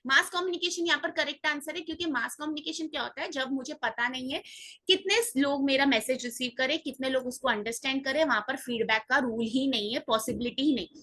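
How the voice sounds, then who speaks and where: Bright high-voiced woman teaching. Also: quick pace, poor audio. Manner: explains, asks questions and answers them herself. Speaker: exam prep teacher. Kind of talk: Hindi-English mixed lecture. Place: online class or recorded session.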